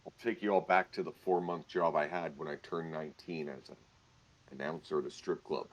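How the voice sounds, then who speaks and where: Low-voiced joking man in his forties. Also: fairly even intonation, fairly quick. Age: 40s. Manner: joking, bantering. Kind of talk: casual chat.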